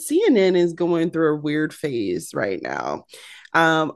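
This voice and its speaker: An American woman co-hosting a casual chat podcast, talking chattily with many "um"s and "you know"s. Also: deep voice. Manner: chatty, uses many fillers. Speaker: podcast co-host.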